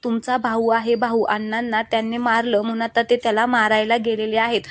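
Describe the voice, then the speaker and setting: A woman's voice: on the high side, completely flat delivery, fairly quick, no echo, natural voice. A woman voicing a panicky young bride-to-be who wails and pleads. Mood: pleading. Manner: wailing, pleading.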